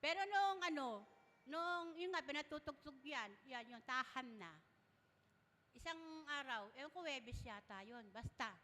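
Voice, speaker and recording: A woman giving an emotional personal testimony in church, halting and tearful, laughing softly between lines. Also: high voice, animated, big-room sound, a little hiss or hum.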